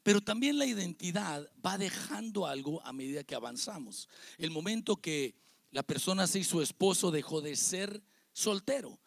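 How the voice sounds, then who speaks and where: A man's voice: high voice, expressive, normal speed, creaky, no room sound. A man with a Mexican Spanish accent, a pastor giving an evangelical sermon to his congregation, emphatic and repetitive, with rhetorical questions. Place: church service with congregation.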